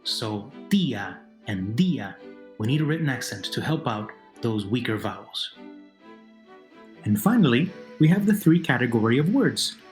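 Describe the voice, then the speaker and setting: A man's voice: medium pitch, very animated, normal speed, soft background music. A man narrating a video lesson as a Spanish teacher, posing questions to the learner and then patiently answering them himself.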